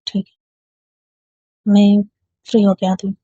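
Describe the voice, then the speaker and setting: A woman's voice: mid-range voice, completely flat delivery, unhurried, no echo, lo-fi sound, natural voice. Siya, a woman reading as a shy young woman in love. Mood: affectionate. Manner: soft, pleading. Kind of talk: storybook dialogue read aloud.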